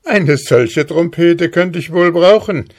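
A man's voice: a little high, takes it slowly, pitched above the performer's own voice. A man voicing a bold, cheeky young hussar soldier who speaks up confidently in a raised voice. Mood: bold, defiant.

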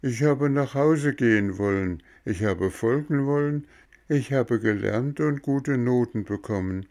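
A man's voice: measured pace, darkish tone, natural voice. A man doing a wailing puppet boy. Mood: pleading. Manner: whiny and pleading, voice raised high.

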